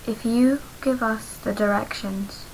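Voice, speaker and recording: A shy, masked teenage boy, as a woman reads him out, speaking softly and hesitantly. His delivery stays quiet and even, with a flat melody. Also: on the high side, a little slow, slight background noise, rough recording. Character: shy, soft-spoken teenage boy in a mask.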